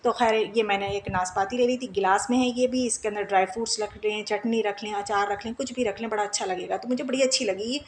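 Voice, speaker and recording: A woman's voice: medium pitch, steady tone, quick pace, hardly any pauses, slight background noise. A woman in her thirties chatting casually in a home vlog, talkative and laughing often. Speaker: home vlogger.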